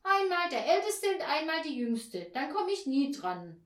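An indignant older brother from a storybook, quick to argue and loudly protesting, as a woman reader puts him on. The voice rises and falls a lot. The room is echoey. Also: sits high, sing-song, pitched above the performer's own voice.

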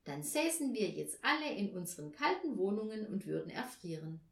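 A woman voicing an eager, imaginative little girl who talks in a dreamy, excited way, in a read-aloud story. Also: mid-range voice, fairly quick, creaky, echoey room.

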